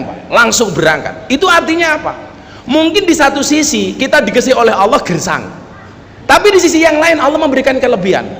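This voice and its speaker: Male preacher, high voice, comic storyteller who keeps addressing the crowd; long hall reverb, faint noise behind. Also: fairly bright tone. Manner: joking storyteller, often turning to the audience with "Pak". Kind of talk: humorous sermon. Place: public gathering with local officials.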